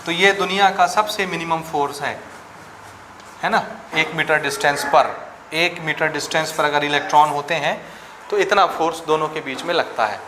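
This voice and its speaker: A man teaches physics to a class in a slightly high voice, working numbers out aloud and asking students for answers. The room is echoey, with faint noise behind him. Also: moderate pace. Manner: asks students questions, works sums aloud. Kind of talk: classroom lecture.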